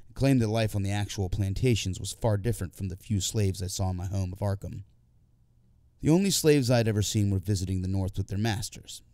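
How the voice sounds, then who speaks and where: In a first-person literary audiobook, a man narrates with a lowish, soft-edged voice that sounds dark and relaxed. The recording is completely dry, with no room sound around it.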